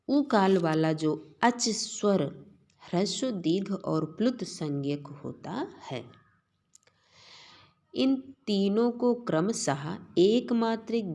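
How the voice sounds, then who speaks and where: A woman teaching Sanskrit grammar in a slow classroom lecture, reciting verses and then explaining them step by step. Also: on the low side, vocal fry, a little mellow.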